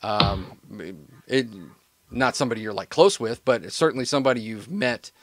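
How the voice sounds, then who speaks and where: A man's voice: medium pitch, lively intonation, normal speed, background noise. A man narrating a tabletop role-playing game as game master, in a loose, casual way with plenty of fillers and swearing.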